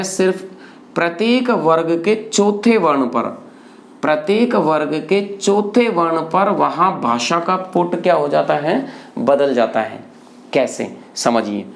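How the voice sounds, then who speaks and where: Gravelly-voiced Hindi teacher explaining sounds. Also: male voice. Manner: asks rhetorical questions, then answers them; demonstrates sounds slowly, dropping pitch on example words. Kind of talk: classroom-style lesson on pronunciation.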